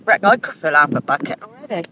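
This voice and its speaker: A man's voice: on the high side, expressive, quick pace, bright, forceful tone. An English man who detects metal, having a casual chat outdoors in a field. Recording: dull, noisy outdoor recording.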